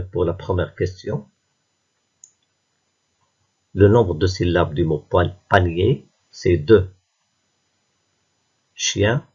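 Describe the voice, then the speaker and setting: A man teaching a reading lesson to young pupils, patient and pronouncing each word slowly one by one. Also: sits low, darkish tone, husky, highs cut off. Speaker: primary school teacher.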